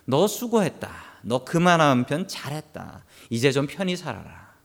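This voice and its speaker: A man putting on a slow, coaxing tempter. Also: on the high side, big pitch swings, creaky, fairly bright tone, heavily acted. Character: whispering tempter spirit, male, smug and coaxing.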